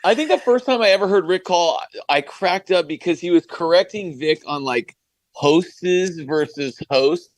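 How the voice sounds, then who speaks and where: Animated joking man in a dry call. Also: high voice, moderate pace, few pauses, no echo. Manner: joking, animated storytelling full of "like". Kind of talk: casual banter on a call.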